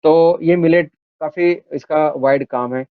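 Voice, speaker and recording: A man's voice: a little high, steady tone, unhurried, smooth, dry recording. A man giving a health talk on millets, explaining step by step and listing items with frequent hesitations. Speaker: health educator. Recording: dry, phone-like narrow sound.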